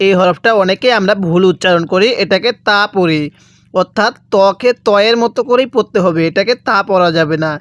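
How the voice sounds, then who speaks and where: A man's voice: high-pitched, fairly quick, no echo. A man teaching how to pronounce Arabic letters, patiently repeating each one and asking the viewer to say it back. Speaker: Quran reading teacher. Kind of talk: step-by-step recitation lesson.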